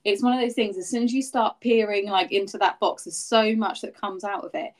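A woman's voice: mid-range voice, a little fast. A woman hosting a podcast interview, chatty and empathetic, thinking aloud as she goes. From England. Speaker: podcast host. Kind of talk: casual interview chat.

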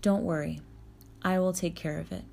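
Woman doing a soft, soothing magic doll. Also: on the low side, steady tone, normal speed, vocal fry. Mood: reassuring. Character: small magic doll, calm and reassuring.

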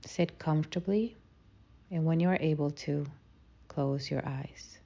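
Woman, meditation guide, soothing and unhurried, creaky low voice, slightly muffled recording. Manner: slow, soothing, calming delivery.

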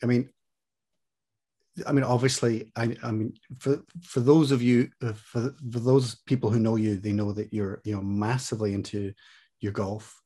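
A man's voice: lowish voice, little pitch movement, moderate pace, warm tone, breathy edge. A man hosting a podcast, asking long rambling questions in a friendly, casual way. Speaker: podcast host. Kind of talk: casual interview chat.

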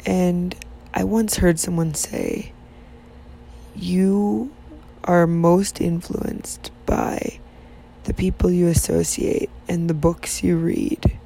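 Female podcast host, drowsy and hushed, slow mellow delivery, rambling monologue. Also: fairly low pitch, steady tone, vocal fry, slight background noise, poor audio. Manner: soft, half-whispered talk while her child sleeps; rambling, with many restarts and fillers. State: sleepy, yawning. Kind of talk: casual faith podcast monologue.

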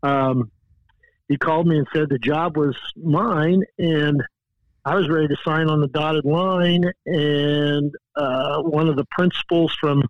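A man in his sixties from Indiana tells old stories in a folksy, meandering way, with plenty of ums and uhs. His voice sits somewhat high. The sound is dull and lo-fi, with no room echo. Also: fairly even intonation, unhurried. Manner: folksy, rambling, many fillers. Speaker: guest coach. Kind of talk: casual storytelling.

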